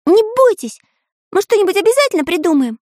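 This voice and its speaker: A woman's voice: big pitch swings, a little fast, no echo. A small, earnest magic pencil boy from a children's storybook, put on by a woman reader. The voice sits far above her own and jumps around eagerly. It is recorded close and dry. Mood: encouraging. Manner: high, bright and pleading. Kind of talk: children's audiobook voice acting.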